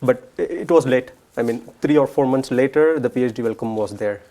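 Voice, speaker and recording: A young man from south India talks through a casual roundtable at an even middle pitch. He pauses often and fills gaps with uh as he searches for words. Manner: hesitant, many fillers. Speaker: PhD student panelist.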